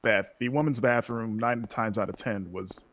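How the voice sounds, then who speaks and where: A man's voice: on the low side, moderate pace, a bit bright. A man co-hosting a game stream, telling casual anecdotes with dry humor. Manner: wry, joking storyteller. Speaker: co-host. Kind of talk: casual let's-play chat.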